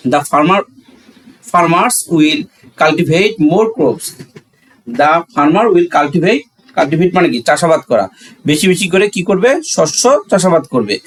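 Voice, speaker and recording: Here a man with a Bangladeshi accent, an English grammar teacher, walks through a lesson in classroom fashion, and the audio quality is poor. His voice leans high. He teaches didactically, step by step, repeating key phrases and answering his own questions.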